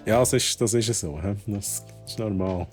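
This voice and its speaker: A gaming streamer with a Swiss German accent thinks aloud through a casual let's-play, tossing in English exclamations. His voice is lowish and a little mellow at a moderate pace, with faint music behind him.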